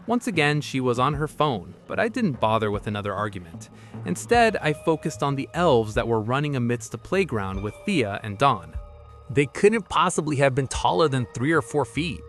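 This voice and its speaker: A man narrating a horror story with a lively, expressive reading. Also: medium pitch, moderate pace, soft background music.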